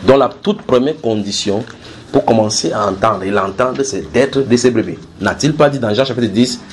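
A man's voice: mid-range voice, normal speed, a little hiss or hum. A man preaching and teaching from the Bible to a gathered group. He explains with everyday analogies, repeats key phrases and asks his listeners questions to draw responses.

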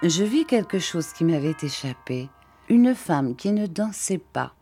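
A woman narrating a classic tale aloud with a measured, expressive delivery. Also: on the low side, faint music behind. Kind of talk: literary story reading.

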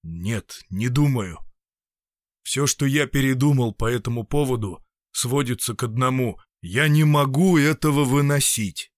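A man playing a gruff, anguished middle-aged male doctor who talks in despairing, emphatic bursts. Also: mid-range voice, measured pace, no room sound, studio quality, close to an everyday voice. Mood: brooding.

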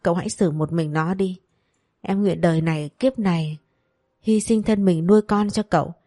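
A young servant girl pleads through tears, swearing oaths and heaping blame on another, voiced by a woman storyteller. The voice is low-pitched and imploring. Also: moderate pace, warm tone, no echo, studio quality, lightly acted. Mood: pleading. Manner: pleading, tearful. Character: young maid caught cheating, wailing and begging.

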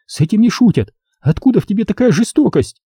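A man voicing a young woman official who bursts out in shrill indignation, tearful and furious, in an audiobook. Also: lively intonation, fast talker, mellow, husky, no room sound, clean studio sound. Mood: tearful, outraged.

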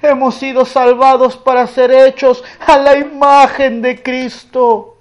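A woman preaching with a high voice, very slow and deliberate. She speaks earnestly to her congregation and often sinks to a near hush. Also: level tone. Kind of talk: sermon with a told story.

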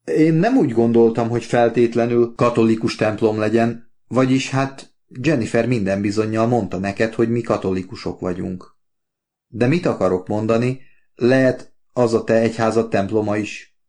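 A man's voice: medium pitch, warm tone, voice pushed up, lightly acted. A man doing an earnest older father. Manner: earnest, pleading. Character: warm talkative older working-class father. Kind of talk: audiobook character voice.

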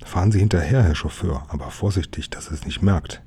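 A man's voice: low voice, a little fast, dark tone, husky, full character voice. A man voicing a cocky, streetwise city boy who talks in slang. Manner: cocky, slangy, whispering at times.

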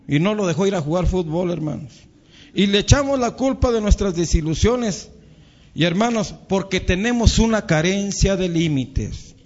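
A man's voice: high-pitched, a little mellow, lo-fi sound. A male pastor with a Mexican Spanish accent preaching to his congregation, calling them brothers and acting out quarrels between spouses. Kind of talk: sermon.

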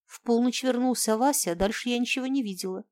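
A woman voicing a timid neighbor woman who speaks softly and hesitantly. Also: fairly high pitch, fast, no room sound, clean studio sound, pitched above the performer's own voice, close to an everyday voice. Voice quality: soft, hesitant and wary.

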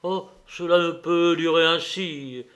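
A man's voice: on the high side, fairly even intonation, takes it slowly, fairly bright tone, pitched above the performer's own voice. A man reading the part of a troubled young officer, speaking earnestly and imploringly to the woman he loves.

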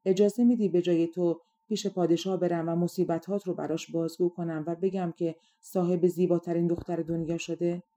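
A woman's voice: lowish voice, little pitch movement, mellow, natural voice. A woman putting on a kindly fairy frog. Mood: gentle.

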